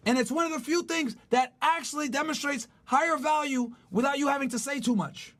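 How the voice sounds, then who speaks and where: A man with a very high-pitched voice lectures his podcast listeners. He talks bluntly and curses freely, hammering home each point. Faint music plays under him. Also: a little fast, a bit bright. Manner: blunt, profane, emphatic lecturing. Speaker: podcast host. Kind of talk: podcast monologue giving dating advice.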